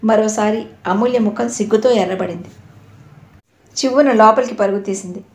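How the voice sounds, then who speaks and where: A woman reading an audio novel aloud with a steady storytelling delivery. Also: mid-range voice, moderate pace. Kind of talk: scripted narration. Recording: roomy echo.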